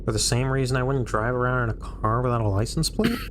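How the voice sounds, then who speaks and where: A man's voice: medium pitch, quick pace, fairly bright tone, a little hiss or hum, natural voice. A man voicing a sardonic, guarded male investigator in a fandub, speaking drily. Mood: dry. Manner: dry, sardonic. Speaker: stream host reading the lead.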